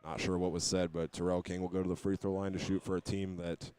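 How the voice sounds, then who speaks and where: Deep and dark-toned, with little pitch movement, this American man calls basketball live at a quick pace. He gives a running present-tense account of every play.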